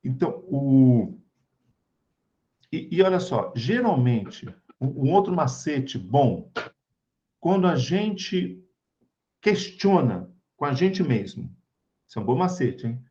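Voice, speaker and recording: A man's voice: medium pitch, very animated, slow pace, pauses often, mellow, muffled recording. A man with a Brazilian accent giving an informal spiritual talk to a group over a video call, chatty and checking in with his listeners as he goes. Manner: chatty, keeps checking in with tag questions. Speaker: spiritist study group speaker.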